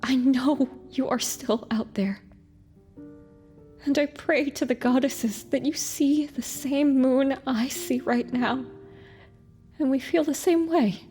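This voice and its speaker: A woman's voice: high voice, slow pace, dark tone, soft background music. A woman reading an audiobook, voicing a young heroine mare whose inner thoughts ramble and mock herself. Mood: tender. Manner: rambling, self-mocking inner monologue. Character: young heroine mare, wandering wasteland survivor. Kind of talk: audiobook character voice.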